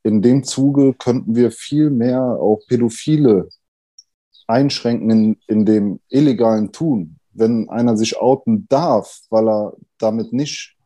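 A man in his thirties, a podcast guest, talking candidly and thoughtfully with many pauses and fillers. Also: medium pitch, warm tone. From Germany, Italian family. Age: 30s. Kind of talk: candid conversation.

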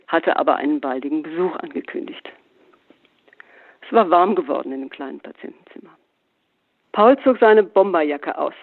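A man narrates a literary story in a measured, even way, with his voice sitting a little high. The sound is narrow and thin, like a phone line. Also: dry recording. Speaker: reader. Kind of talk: literary reading.

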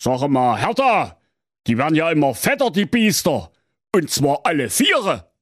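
A blunt, hard-hearted fairy-tale father lectures in a raised, lively voice, as a man puts him on. He scolds with plain bluntness. The sound is dry and close. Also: fairly high pitch, measured pace, dry recording, voice pushed up. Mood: scolding. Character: gruff hard-hearted middle-aged cheese-carver father. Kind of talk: comic fairy-tale parody.

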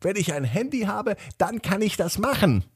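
A man's voice: high voice, big pitch swings, moderate pace, slightly rough, dry recording, clean studio sound, voice pushed up, exaggerated voice. A man voicing an eager young girl in a children's storybook, earnestly explaining what she wishes for. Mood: eager, hopeful. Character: eager young girl keen on bike adventures. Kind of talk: storybook character voice in narration.

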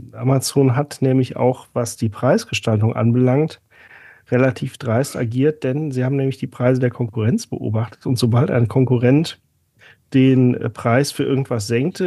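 Dark, husky man chatting on a podcast. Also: mid-range voice, normal speed, no echo, studio quality. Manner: chatty, sarcastic storytelling with many fillers. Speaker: podcast co-host. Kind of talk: casual podcast chat.

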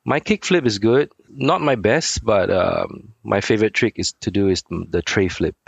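Man in his forties, deep voice, easygoing, halting guest with a dry close sound. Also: gravelly, breathy edge, dry recording. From Singapore. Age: 40s. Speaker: guest, sneaker designer. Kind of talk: casual interview chat.

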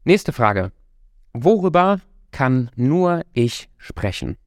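A man's voice: mid-range voice, very animated, slow pace, dry recording. Encouraging coach man, dry close voice. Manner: direct and encouraging, addresses listener as du. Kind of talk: motivational talk to the listener.

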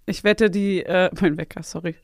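A woman co-hosting a casual podcast chat, reacting with quick exclamations and frequent laughter. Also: on the low side, steady tone, no room sound, studio quality. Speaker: podcast co-host.

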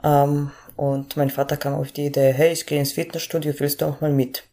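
A woman's voice: low voice, little pitch movement, brisk, warm tone. A woman, a podcast guest talking casually with many hesitations. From Poland. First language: Polish. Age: 20s. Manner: hesitant, many fillers, laughs easily. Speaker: guest athlete and coach.

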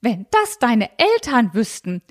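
Woman doing a fussy elderly aunt, high-pitched, fretful, scandalized, storybook reading. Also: sing-song, takes it slowly, exaggerated voice. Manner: fretful, scandalized, clinging to convention.

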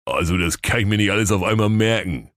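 A man's voice: lowish voice, animated, fairly bright tone, no room sound, clean studio sound. A man voicing a dim, clumsy bear who stumbles over his words, in a comic storybook reading. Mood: bumbling. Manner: slow, bumbling, hesitant with many ums.

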